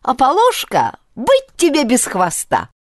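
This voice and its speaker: A woman's voice: high voice, wildly swooping pitch, measured pace, no echo, clean studio sound, pitched above the performer's own voice, exaggerated voice. A woman voicing a cocky, scheming boy with a slingshot who boasts and bargains in a storybook reading. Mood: boastful. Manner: boastful, swaggering.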